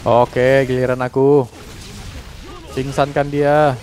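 A man's voice: mid-range voice, little pitch movement, slow, a little mellow. A man giving live commentary while playing a game, reacting with frequent panicked exclamations. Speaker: gameplay commentator. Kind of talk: live let's-play commentary.

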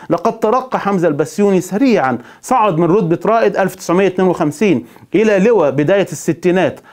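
A man with an Egyptian accent narrates a dark chapter of history in a high, rapid voice. He speaks straight to the listener and often turns indignant and rhetorical.

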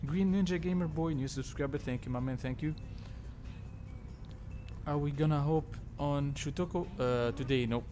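Chatty non-native streamer with halting English. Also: male voice, a little high. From Tunisia. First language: not English. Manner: halting, filler-heavy, reads chat aloud and thanks subscribers. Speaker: livestream host. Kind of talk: casual livestream chat while sim racing. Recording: loud game music behind voice.

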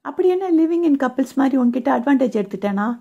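A woman's voice: a little high, lively intonation, creaky, slightly rough, muffled recording, full character voice. A woman voicing a hot-tempered young hero. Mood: angry. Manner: scolding, quick to anger.

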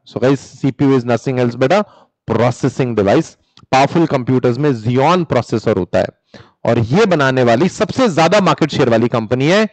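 A young man with an Indian accent teaching a business lecture, reading facts slowly in English, then explaining fast in Hindi with questions to the students. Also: mid-range voice, a little mellow, no room sound, low-quality recording.

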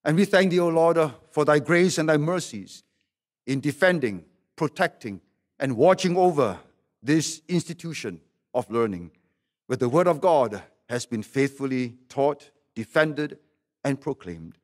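A man's fairly high voice carries through a pulpit microphone as he leads a solemn prayer. He speaks in measured, formal phrases with old-style wording. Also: expressive. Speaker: minister leading prayer.

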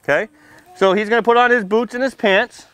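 Speaking briskly in a high, smooth, fairly bright voice with fairly even intonation, a firefighter presents a simple safety talk to children. He sits under an outdoor tent canopy beside a building with a small seated audience, asking questions, teasing playfully, and checking in often with "okay" and "right."

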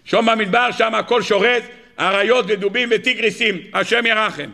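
A man's voice: high voice, gravelly, bright, forceful tone. A rabbi giving a Torah lesson, telling stories with animation and firing rhetorical questions at his listeners.

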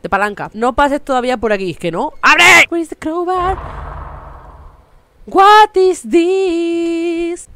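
A high-voiced woman with a Spain Spanish accent streams a game from her home room. She is excitable and sweary, keeps slipping into broken English and sings bits of a jingle as she plays. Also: a little fast, hardly any pauses. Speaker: gaming streamer. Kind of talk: let's play commentary.

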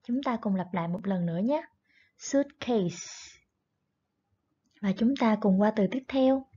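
A woman's voice: medium pitch, a little fast, dark tone, husky. A woman teaching a primary English class online, patiently explaining words and repeating each one twice. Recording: dull lo-fi recording.

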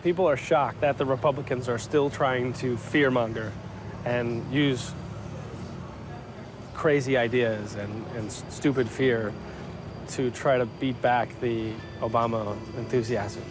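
A man's voice: mid-range voice, unhurried, over music. Upbeat persuasive canvassing man. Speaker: political canvasser. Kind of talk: door-to-door campaigning.

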